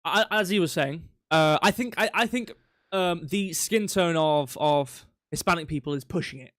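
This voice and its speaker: A man's voice: on the high side, moderate pace, fairly bright tone, dry recording, studio quality. A man hosting a quiz on a live stream, chatty and rambling, with mock-indignant rants. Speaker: quiz host.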